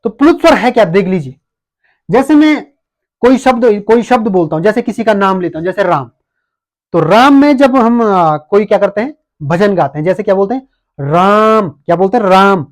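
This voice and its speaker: A man's voice: high-pitched, lively intonation, a little fast. A man with an Uttarakhand Hindi accent teaches an exam-prep lesson and keeps answering his own questions.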